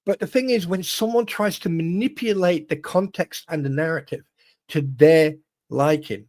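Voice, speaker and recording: Emphatic man, higher voice. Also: moderate pace, a little mellow. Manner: emphatic, swears, many restarts. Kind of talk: casual livestream chat.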